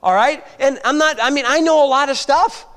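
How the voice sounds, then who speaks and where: In a large hall, an American pastor in his fifties delivers a conversational sermon in a very high-pitched, brisk voice with a fairly bright tone. He fills it with rhetorical questions and keeps checking in with lines like "all right?"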